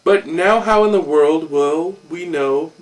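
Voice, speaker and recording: A man's voice: fairly high pitch, slow pace, distant mic, rough recording. A man reading aloud and voicing snooty storybook creatures who groan and fret, a little off-mic. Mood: snooty dismay. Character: snooty star-bellied creatures, fretting.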